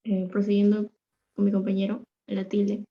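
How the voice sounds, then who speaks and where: A woman's voice: mid-range voice, completely flat delivery, normal speed. A woman student giving a class presentation, reading from slides with fillers and restarts. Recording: muffled lo-fi audio.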